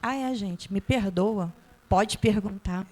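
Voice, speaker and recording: A middle-aged Brazilian woman with a Brazilian Portuguese accent giving a talk, animated and questioning the audience directly. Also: medium pitch, slow pace. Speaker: guest speaker.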